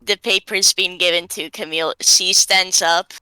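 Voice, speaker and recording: A woman's voice: fairly low pitch, steady tone, normal speed, sharp tone, clear, resonant tone, no echo, rough recording. A woman playing a tabletop game, casually talking through what her character does. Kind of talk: casual chat, describing her character's actions.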